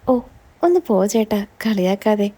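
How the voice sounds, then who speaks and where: A woman's voice: mid-range voice, expressive, moderate pace, dark tone, slightly rough. Woman reading as a coy teasing young woman. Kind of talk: scripted story reading.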